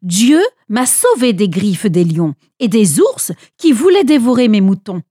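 A woman's voice: medium pitch, big pitch swings, warm tone, slightly rough, dry recording, clean studio sound. A woman voicing a bold young shepherd boy who speaks earnestly and with conviction. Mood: determined. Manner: earnest, quick and raised.

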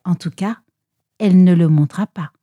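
A woman narrating a children's Bible story in an expressive, animated way. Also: fairly low pitch, normal speed, dry recording, studio quality.

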